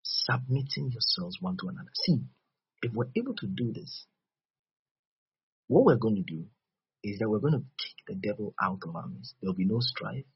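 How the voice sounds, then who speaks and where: West African preacher, low muffled male voice. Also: very animated, normal speed, long pauses, breathy edge, no room sound. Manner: didactic, repeats phrases, checks understanding with the listeners. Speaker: preacher teaching a congregation. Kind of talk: sermon.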